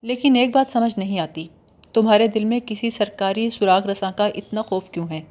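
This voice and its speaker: Using her natural, mid-range voice, a woman plays a sharp young male detective who acts foolish on purpose. He probes with calm questions that carry a teasing edge.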